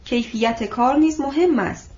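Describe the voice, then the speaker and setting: Brief: woman reading a self-assured older boss, calm, measured, fairly high voice, lo-fi audio. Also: close to an everyday voice. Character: confident older male company manager.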